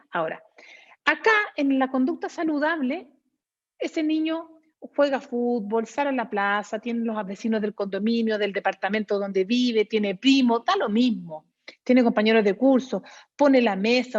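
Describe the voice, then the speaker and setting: A woman with a Chilean Spanish accent lectures a workshop of teachers, her voice sitting a little high. She talks in a lively way, slipping into short acted exchanges between parent and child and checking that her listeners follow. The sound is dull and lo-fi.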